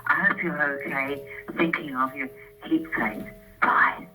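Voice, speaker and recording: A woman's voice: deep voice, fairly even intonation, unhurried, over music, low-quality recording. An older woman, tired, leaving formal, repetitive voicemail messages that are played back over a landline phone, announcing herself each time.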